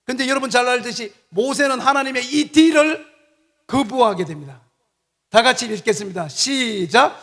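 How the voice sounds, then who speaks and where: A man's voice: very high voice, moderate pace, a bit bright. A man preaching a passionate sermon in a church and leading the congregation to repeat phrases after him. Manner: impassioned, leads congregation in call-and-repeat. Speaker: guest preacher, missionary. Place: church sanctuary. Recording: long church reverb.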